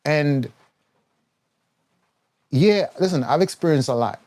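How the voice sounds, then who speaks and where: Male health coach, live-stream rant, blunt and preachy, mellow dark tone. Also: on the high side, animated, takes it slowly. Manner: mimics others in quoted voices.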